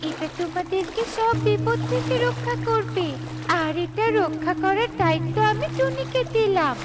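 A woman voicing an innocent, gentle young mermaid in a children's cartoon, with an earnest, guileless manner. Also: extremely high pitch, animated, normal speed. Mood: forgiving. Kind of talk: children's cartoon story acting. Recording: music under the voice.

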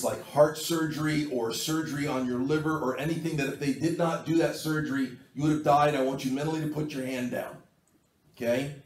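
A man's voice: a little high, a little mellow. A man preaching a sermon as pastor, in a plain conversational way, and asking his congregation to answer in their minds. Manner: conversational, asks the congregation to respond. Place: church sanctuary. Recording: echoey church, mic at a distance.

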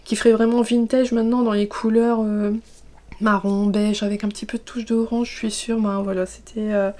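Chatty French woman, mellow voice. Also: mid-range voice, flat delivery, moderate pace. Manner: rambling, many fillers and asides. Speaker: knitting podcast host. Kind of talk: casual chatty vlog.

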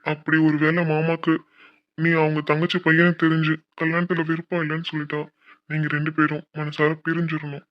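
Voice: mid-range voice, completely flat delivery, a little fast, dull audio, natural voice. A voice actor playing an earnest middle-aged father in a cartoon, lecturing his son about marriage and studies.

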